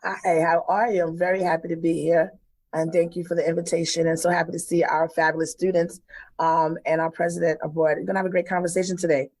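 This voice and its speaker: A woman's voice: lowish voice, flat delivery, fast, darkish tone, dry recording. A woman who directs career services at a college, speaking enthusiastically in a live interview. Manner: upbeat, enthusiastic.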